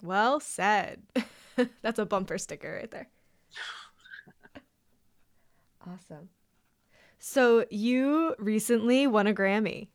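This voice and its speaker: A woman's voice: medium pitch, slow pace, pauses often. A woman hosting a podcast, asking friendly, curious questions and sharing her own work as a music therapist. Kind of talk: casual podcast interview.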